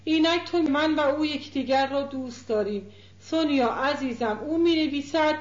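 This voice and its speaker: A woman's voice: sits high, dull audio, natural voice. A woman reading as a rapturous young woman in love.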